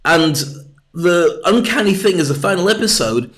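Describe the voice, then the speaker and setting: A British man with a high, animated voice hosts a livestream at normal speed. Sitting at his desk, he rambles into a webcam mic in a chatty, jokey casual monologue.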